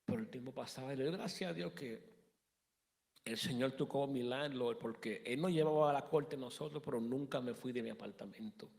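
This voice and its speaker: A man in his thirties giving a halting personal testimony in a church interview, often restarting and slipping in English words. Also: medium pitch, gravelly, a little mellow, in a large hall.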